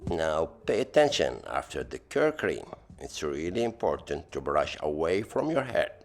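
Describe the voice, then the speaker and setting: A man's voice: rumbling low, sing-song, measured pace, soft background music. A middle-aged man from Lebanon with a Lebanese, Middle Eastern accent, doing a playful scripted voice-over for a tutorial with dry humour. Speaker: voice-over narrator of a hair tutorial.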